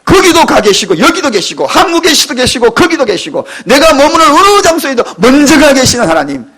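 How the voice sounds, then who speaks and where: A man in his fifties, a pastor preaching a sermon in a church, dramatic and emotional, with sudden loud outbursts and tearful cries. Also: extremely high pitch, big pitch swings, fairly quick. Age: 50s. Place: church sanctuary.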